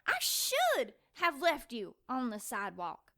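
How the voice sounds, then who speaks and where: A feisty, talkative young woman from an audio drama, sharp-tongued and quick to take offense. Her voice sits very high and bright. It leaps about in pitch as she scolds. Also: sing-song, heavily acted. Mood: indignant. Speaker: woman who takes in the wounded hero.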